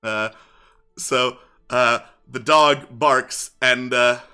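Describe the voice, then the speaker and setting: Bright-voiced man running a tabletop game. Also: mid-range voice, fairly even intonation, drawn-out words, clean tone. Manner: hesitant, filler-heavy narration with bursts of laughter. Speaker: game master.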